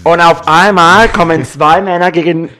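A young man with a slightly raised pitch, co-hosting a casual podcast chat. He tells stories with animated energy. He mixes English phrases freely into his German. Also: moderate pace. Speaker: podcast co-host.

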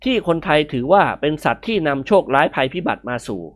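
A woman narrating a comic novel in an expressive storybook reading. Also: low-pitched, fast talker.

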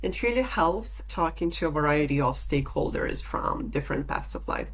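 Low-voiced Lithuanian-born woman. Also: animated, breathy edge, rough recording. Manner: measured, articulate, explanatory. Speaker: podcast guest, data protection officer. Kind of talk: interview answers.

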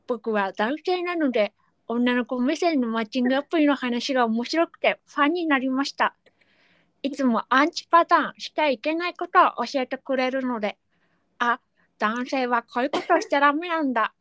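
Fields: woman doing a toothless shy young man reading a letter, slow and careful, higher than usual. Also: fairly bright tone, no room sound. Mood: earnest. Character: bashful young man missing back teeth, letter writer.

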